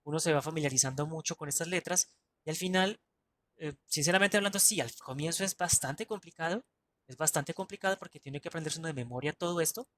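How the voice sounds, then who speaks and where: A man's voice: fairly high pitch, fairly bright tone, a little hiss or hum. A man teaching an online Mandarin class, chatty and self-correcting, often checking in with his students.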